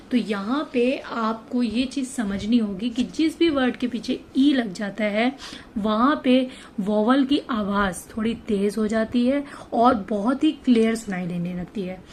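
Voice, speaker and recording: A woman teaches children a spelling lesson in a slow, unhurried way. Her voice sits fairly high, and she patiently repeats and draws out each example word. A faint hiss hangs under the recording. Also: darkish tone. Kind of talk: explaining lesson to kids.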